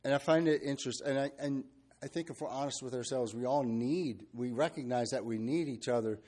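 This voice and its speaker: A man preaching a sermon, talking freely with fillers and restarts, and reading scripture in a steady measured cadence. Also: mid-range voice. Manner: unscripted and searching, with restarts and fillers.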